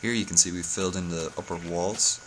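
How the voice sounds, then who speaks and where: Very deep, hungover man, flat delivery. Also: fairly quick, slight background noise, low-quality recording. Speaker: video tutorial host. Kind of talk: casual game building tutorial commentary.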